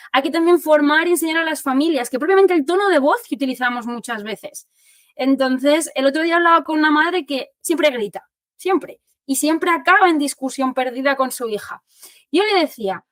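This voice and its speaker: High-voiced, animated Spanish woman therapist. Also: dry recording. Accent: Spanish from Spain. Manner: animated, explanatory, acts out quotes. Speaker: occupational therapist giving a talk. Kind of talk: informal talk to families.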